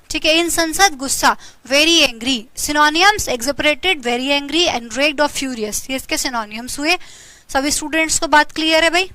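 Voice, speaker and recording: A woman's voice: high-pitched, pushed and bright, dry recording. An Indian woman teaching English vocabulary in an online exam-prep lesson, with a slightly sore throat, repeating words and asking students to say them along.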